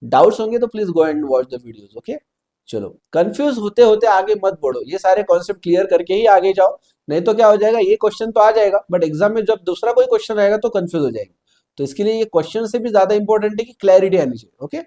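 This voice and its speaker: A man's voice: high-pitched, expressive, dark tone. A man teaching an exam-prep lecture, mixing Hindi and English, explaining step by step and checking in with students often. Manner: mixes Hindi with English terms, reads questions slowly.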